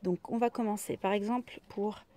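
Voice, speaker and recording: A woman teaching a reading game, sounding out each letter slowly one by one in a step-by-step demonstration. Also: medium pitch, steady tone, warm tone, a little hiss or hum.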